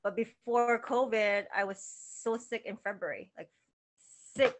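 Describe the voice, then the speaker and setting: A woman chatting as a podcast guest, talking in halting bursts full of restarts and fillers. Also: on the high side, slight background noise. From lives in the United States. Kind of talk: casual interview chat.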